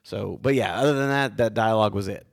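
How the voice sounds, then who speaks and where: A young man chats easily as a podcast co-host. His voice sits a little low, and he talks in a loose, laid-back way, laughing easily. The recording is close and dry. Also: quick pace, vocal fry, no room sound. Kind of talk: casual podcast chat.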